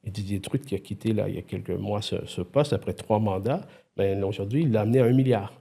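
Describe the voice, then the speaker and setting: A middle-aged Québécois man, an IT executive appearing as a podcast guest, tells stories in a casual chat. His voice sits low and sounds gravelly and husky, and he talks fast. He's a lively, animated storyteller who often restarts his sentences.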